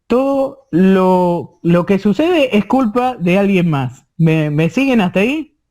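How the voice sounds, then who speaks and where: A man with an Argentine Spanish accent teaching an online course, explaining slowly with many repetitions and checking in with his listeners. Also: high voice, expressive, dark tone. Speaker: course instructor.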